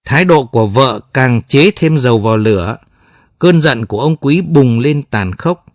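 A man narrating a dramatic story in a steady, measured way. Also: medium pitch, no room sound, clean studio sound.

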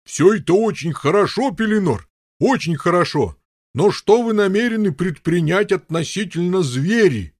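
A man voicing a husky, ponderous old-school knight. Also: mid-range voice, animated, normal speed, darkish tone, no room sound, studio quality, lightly acted. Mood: agitated. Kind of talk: audiobook character voice.

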